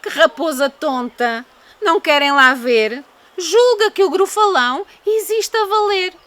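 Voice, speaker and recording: Woman doing a cheeky high-pitched little storybook mouse. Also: measured pace, fairly bright tone. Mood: scornful. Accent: European Portuguese. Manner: polite, teasing, dramatic. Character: small brave cunning male mouse, boastful and cheeky. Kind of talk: storybook character voice.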